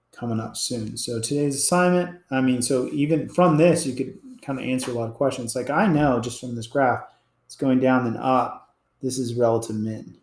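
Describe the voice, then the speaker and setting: A man teaching a calculus class, explaining casually and letting his voice drop off at the end of each point. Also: medium pitch. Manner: casual and explanatory, trails off quietly at ends of points. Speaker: math teacher. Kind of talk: classroom lecture at a board. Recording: roomy classroom echo.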